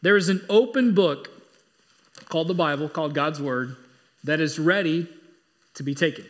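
A man with a high voice delivering a sermon as a pastor. He preaches earnestly and with emphasis, repeating his key points to drive them home. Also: normal speed.

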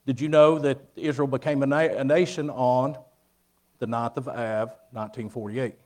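A man preaching an informal evening Bible lesson at a pulpit microphone, speaking in a halting, folksy, plain-spoken way and putting questions to his listeners. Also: mid-range voice, steady tone, a little mellow. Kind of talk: informal teaching sermon with questions to congregation.

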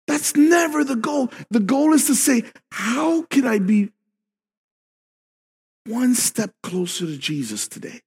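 A male pastor preaching a sermon in a conversational way that builds to emphatic shouts. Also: high voice. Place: church sanctuary. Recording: long reverb with faint background music.

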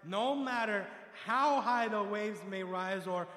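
A man preaching a sermon, building from calm storytelling to loud, emphatic passages and acting out voices. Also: sits high, takes it slowly. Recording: echoey hall with long reverb.

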